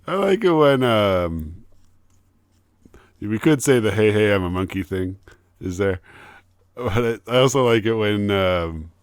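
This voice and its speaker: A man's voice: lowish voice, lively intonation, takes it slowly, pauses often, clean tone, no room sound. A man co-hosting a podcast, chatting casually and adding laid-back, dry quips. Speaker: podcast co-host. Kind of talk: casual chat.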